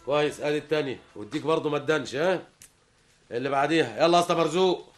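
Man doing a bossy egyptian guy barking orders super fast, kinda high voice, old radio play. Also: soft background music, natural voice. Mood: impatient. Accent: Egyptian Arabic. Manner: brusque, impatient orders. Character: bossy man running a theft test. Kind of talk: vintage radio drama acting.

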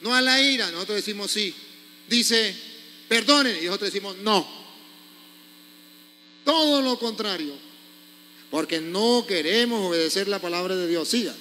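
A man's voice: high-pitched, expressive, moderate pace, pauses often, sharp tone, long reverb tail. A priest preaching a sermon, scolding his congregation with pointed rhetorical questions.

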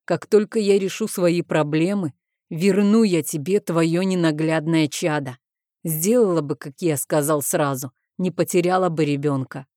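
A woman's voice: deep voice, normal speed, dark tone, no room sound, clean studio sound, natural voice. A woman reading the part of an arrogant, condescending male villain in an audiobook, with a drawling, contemptuous manner. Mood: cold, stern. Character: smug arrogant man, misogynist villain on the phone.

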